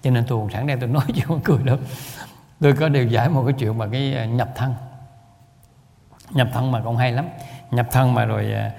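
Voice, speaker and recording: A man's voice: mid-range voice, steady tone, a little fast, vocal fry, pauses often, mellow, big-room sound. A man with a Southern Vietnamese accent, a Buddhist lay teacher giving a storytelling talk, rambling and repeating words, often chuckling.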